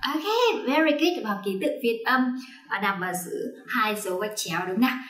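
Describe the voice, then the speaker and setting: In an online phonics lesson, a woman teaches English pronunciation to parents and children, coaxing them along and checking as she goes. Her mid-range voice is expressive, fairly quick and a bit bright, and the recording sounds roomy.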